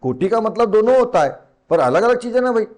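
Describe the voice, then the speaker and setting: A man's voice: high voice, very animated, fairly quick, darkish tone. A man from teaching a lesson in a classroom, colloquial and teasing, who repeats key words and throws rhetorical questions at his students. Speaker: coaching teacher. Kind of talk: classroom lecture.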